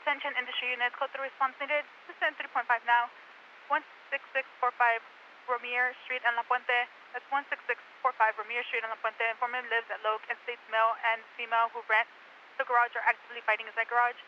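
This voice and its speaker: A woman working as a police dispatcher, reading out codes, plates and addresses in a rapid, clipped way over a police radio. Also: a little high, flat delivery. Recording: muffled scanner radio with hiss.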